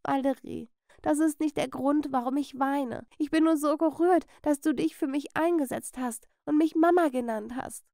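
A woman voicing a kind, timid mother who speaks softly and tenderly in a dubbed cartoon. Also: high voice, normal speed, gravelly, no room sound, studio quality, voice pushed up. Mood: moved. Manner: soft, tender.

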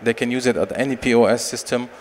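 Presenter on a reverberant expo stage. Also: male voice, steady tone, fast. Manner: sales pitch with frequent fillers and restarts. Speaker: company managing director presenting. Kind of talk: conference presentation and Q&A. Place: large expo stage hall. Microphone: handheld mic. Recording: long hall reverb, faint noise.

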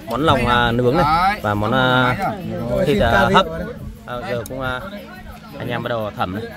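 A man's voice: medium pitch, expressive, moderate pace. A man from Vietnam presenting dishes for his food channel, hesitant with many filler sounds, at an outdoor gathering. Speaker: channel host. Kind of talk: casual food vlog presenting. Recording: crowded outdoor meal with music. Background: music and loud chatter.

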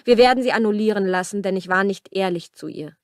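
A woman reading as a cold, brooding young man, voiced with a tense, clipped edge that pushes a little louder than her narration. The sound is dry and close, with no room around it. It is a storybook romance reading. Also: mid-range voice, fast talker, no room sound, natural voice. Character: brooding young male rancher, cold and harsh. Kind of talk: audiobook character reading.

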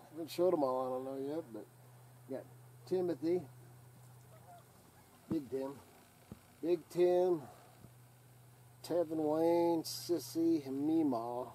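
Young man, from Idaho, mellow dark voice, laid-back outdoor vlog, light wind hiss. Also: on the high side, slow, long pauses. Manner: laid-back, swears and laughs often. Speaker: channel host. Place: outdoors by a lake and in a truck.

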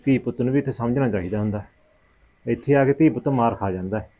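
A man acting a sober village headman in a drama, giving measured advice with a Punjabi accent. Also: mid-range voice, narrow, tinny audio, close to an everyday voice. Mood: sober, advising. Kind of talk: short-film family drama acting.

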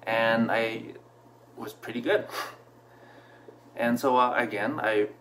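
A man in his thirties who grew up in Canada, telling a personal story to camera from a small room at home, relaxed and reflective, with many fillers. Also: medium pitch, takes it slowly, a little hiss or hum. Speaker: vlogger. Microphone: camera in front at desk distance.

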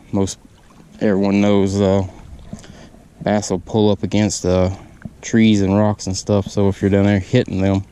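A man with a low, flat, clean-toned voice narrates casually while fishing outdoors on a lakeshore. He's a laid-back fishing vlogger giving how-to tips, speaking haltingly with plenty of "uh" fillers. The audio comes from a body-mounted action camera.

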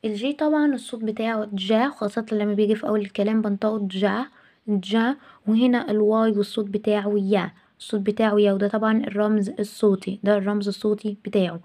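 A woman with an Egyptian Arabic accent, teaching a children's English lesson and repeating each phrase slowly. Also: medium pitch, fairly even intonation, warm tone.

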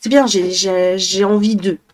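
Slow, rambling young French woman. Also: mid-range voice, steady tone. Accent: northern French. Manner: rambling, hesitant, many fillers. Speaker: vlogger. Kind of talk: casual vlog chat. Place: apartment at home.

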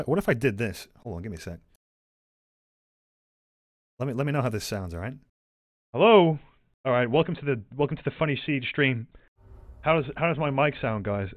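A man livestreaming a game in casual chat, sarcastic and sweary, going from calm to worked-up, mock-angry ranting. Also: medium pitch, no room sound.

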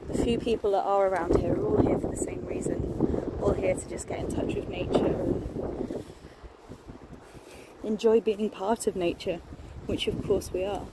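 Her mid-range voice stays steady at a moderate pace as this nature vlogger in her thirties chats excitedly, with many fillers, into a phone at arm's length. She's filming a casual walk in the woods and on a beach. The outdoor phone audio is noisy, with distant planes and ambience.

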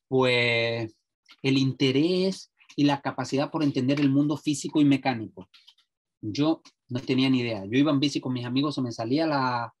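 A middle-aged man leads a workshop for parents. He talks in a lively way and keeps checking that the room is following him. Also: medium pitch, moderate pace. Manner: lively, checks in often with "¿vale?". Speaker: social educator.

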